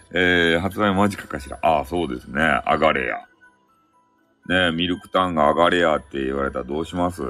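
A man's voice: deep voice, fairly bright tone. A man speaking with a Hakata accent, chatting and joking loosely as a live-stream host, his throat slightly sore. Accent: Hakata dialect. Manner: chatty, joking, drifting between topics. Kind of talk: casual chat. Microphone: phone app stream mic.

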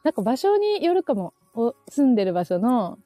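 Kansai woman guest, soft and mellow, animated and giggly, dry close mic. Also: fairly high pitch, normal speed, no echo, faint music behind. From Kansai, between Kobe and Osaka. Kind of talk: casual chat.

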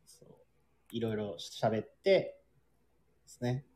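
A man's voice: medium pitch, expressive, takes it slowly, warm tone. A man who runs a board game shop, chatting politely and easily on a talk show. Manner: polite, easygoing storyteller. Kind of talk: casual chat.

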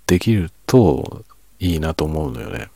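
A man talking quietly and casually in a low late-night monologue, reflective and self-deprecating in a soft-spoken way. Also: moderate pace, creaky, slightly rough, dry recording. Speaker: streamer and hobby novelist.

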